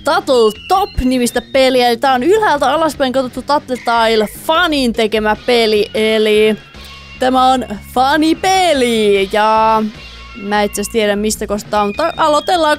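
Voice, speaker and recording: A woman doing let's play commentary, excitable, talking to the game characters and slipping in English phrases. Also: a little high, faint music behind. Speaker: gaming YouTuber.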